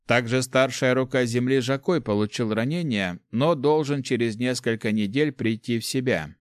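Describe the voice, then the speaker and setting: A man narrating a fantasy audiobook in a measured, even reading. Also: medium pitch, no room sound, clean studio sound.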